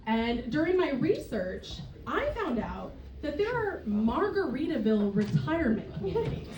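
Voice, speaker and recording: A woman's voice: high-pitched, moderate pace, recorded from a distance, slight background noise. A woman in her forties doing a stand-up comedy set, telling stories with laughing asides. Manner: animated storytelling with laughing asides. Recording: roomy club sound from off mic. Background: audience laughter.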